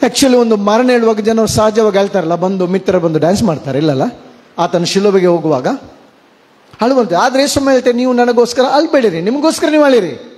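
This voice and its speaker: A man preaches a sermon, his voice sitting high for a man. He drops English words into his talk and keeps putting questions to the listeners. A long reverb trails his words. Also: animated, fast, darkish tone. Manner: mixes English words, asks the congregation questions. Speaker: pastor.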